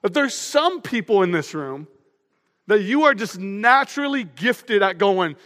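Speaking at an unhurried pace, a high-voiced male pastor preaches with loud, energetic emphasis to the congregation in front of him. The long hall reverb of the church auditorium carries his voice.

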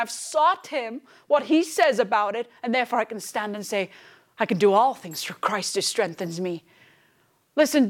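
A woman in her thirties, a pastor preaching a fervent, emphatic sermon and repeating phrases for stress. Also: fairly high pitch. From Wales.

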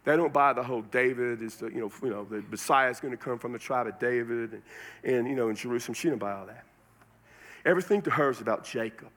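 A man from Texas with a Texan accent preaches in a relaxed, folksy way, full of homespun sayings and asides to the congregation. His voice sits at an ordinary middle pitch. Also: fast talker. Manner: folksy, conversational preaching with colloquialisms. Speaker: pastor. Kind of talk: sermon.

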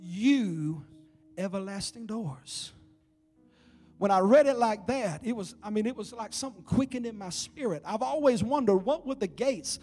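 A man preaching a sermon as an evangelist, in a rhythmic style that swells from hushed lines to shouting. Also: extremely high pitch, fairly quick, few pauses, soft background music.

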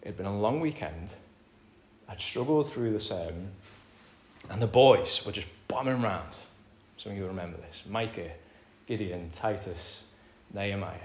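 A man with a British accent preaching a sermon in a conversational way, calling the congregation "folks" and swinging between loud emphatic lines and soft quiet asides. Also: fairly low pitch, normal speed, a little hiss or hum. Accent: British English. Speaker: pastor. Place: church hall. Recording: roomy church hall with faint ambience.

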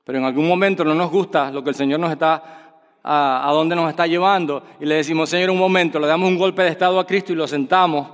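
A man preaching a sermon in a measured, emphatic way, explaining with everyday examples. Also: on the high side, fairly even intonation. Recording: long reverb of a large hall.

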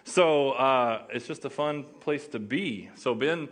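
A young Oklahoma man with an Oklahoma accent preaches a sermon as a guest pastor, speaking slowly at medium pitch. He keeps it casual and joking, chatting with the audience.

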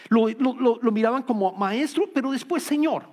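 A man's voice: extremely high pitch, normal speed, a little mellow. A man preaching an earnest Bible-study sermon, repeating key phrases and restarting words as he explains. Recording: long hall reverb.

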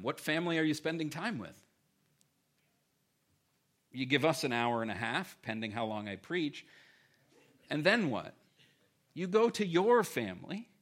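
Bright-voiced man preaching a lively sermon. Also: fairly high pitch. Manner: animated, emphatic preaching with sudden drops to quiet. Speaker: pastor.

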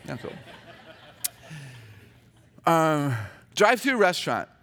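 Some chatter can be heard behind a middle-aged woman preaching as a guest in a church, her naturally low voice a bit bright and very animated as she talks slowly. Her sermon is full of personal stories, told in a chatty, humorous, earnest way.

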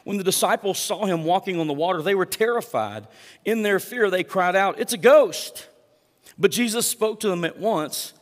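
Male pastor, sermon, fairly high voice, dramatic scripture reading, long church-hall reverb. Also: moderate pace. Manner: reads scripture aloud with dramatic emphasis; asks the congregation for responses.

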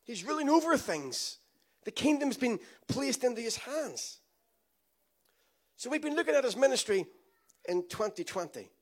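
A man's voice: very high-pitched, sing-song, normal speed, long pauses. A man preaching a sermon with emphatic, repetitive phrasing and calls to the congregation. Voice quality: emphatic preaching with repeated phrases and call-and-response. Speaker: pastor.

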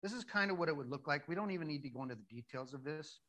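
Bright-voiced animated male preacher. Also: on the high side, poor audio. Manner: animated, acts out the story characters in quick asides. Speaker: pastor. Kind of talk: sermon with Bible story reading.

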